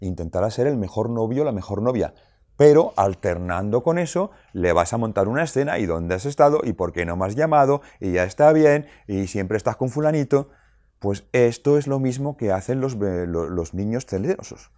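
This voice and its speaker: A man gives a lively explanatory talk to parents, his voice sitting low. He poses rhetorical questions and acts out little quotes. The sound is dry and close. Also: normal speed, no echo. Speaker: speaker on child rearing.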